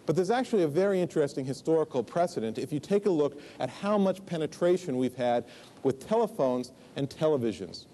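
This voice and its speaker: On a lapel mic, this forties-aged keynote speaker talks briskly from a large conference stage, his voice on the high side, animated and dark in tone. His explanations are conversational, sprinkled with asides and fillers.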